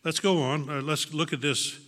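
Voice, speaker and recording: Bright-voiced man preaching in a reverberant hall. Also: on the high side, fairly even intonation, normal speed. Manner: earnest, reflective, with small restarts and emphatic repetition. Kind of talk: sermon.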